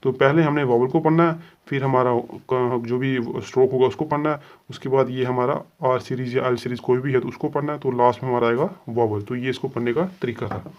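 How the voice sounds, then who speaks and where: Male tutor, mid-pitched, methodical and repetitive; lo-fi recording. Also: fairly even intonation. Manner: explains patiently, sounding out letters slowly and repeating set phrases. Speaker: shorthand teacher. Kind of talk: step-by-step spoken lesson. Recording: dull lo-fi sound.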